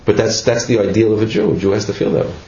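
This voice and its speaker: Man, gravelly voice, informal text-study lesson, dull lo-fi recording with faint hiss. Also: fairly low pitch, lively intonation, racing, dark tone. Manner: informal, repeats words, asks "right?" often. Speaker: teacher giving a Torah class. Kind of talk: text study lesson, reading Hebrew and explaining in English. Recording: echoey room, dull lo-fi with faint noise.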